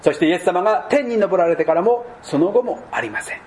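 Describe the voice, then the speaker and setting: A man with a high-pitched voice gives a deliberate sermon as pastor. He lets his voice sink soft and low to land his points. A faint hum of room ambience sits behind him. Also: animated. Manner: slow deliberate preaching, dropping to soft low tones.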